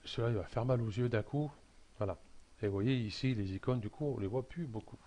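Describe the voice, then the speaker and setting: A man talking through a casual software tutorial, hesitant and full of fillers and restarts. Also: mid-range voice, brisk.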